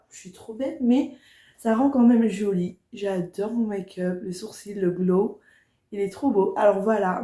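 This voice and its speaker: A young woman chatting casually and enthusiastically to her viewers in a get-ready-with-me video, speaking softly to a camera set up at a distance. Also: medium pitch. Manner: soft-spoken. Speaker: beauty vlogger. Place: indoor room. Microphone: camera standing at a distance. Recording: very echoey room, voice far from the mic.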